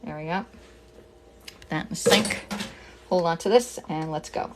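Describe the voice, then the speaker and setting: Middle-aged Pennsylvania woman, low-ish voice, chatty live cooking host in a home kitchen. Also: moderate pace, heavy background noise. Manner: chatty, talks through each step, greets viewers, jokes with herself. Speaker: cooking demonstrator and kitchenware consultant. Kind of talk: casual live-streamed cooking demo.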